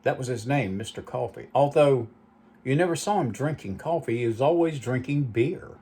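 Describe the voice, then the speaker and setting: A man's voice: medium pitch, animated, normal speed, warm tone, breathy edge. Guy just rambling about the old days, chatty, wanders off on asides. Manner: rambling, nostalgic storytelling with asides. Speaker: channel host. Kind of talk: rambling reminiscing monologue.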